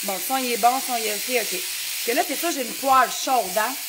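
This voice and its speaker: A woman's voice: on the high side, a little fast, very noisy. A woman in her thirties with a Québécois French accent, chatting with viewers as she cooks during a live stream. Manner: chatty, talks to viewers' comments while cooking. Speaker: home cooking livestream host. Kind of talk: casual live cooking stream chat. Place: home kitchen with a sizzling pan.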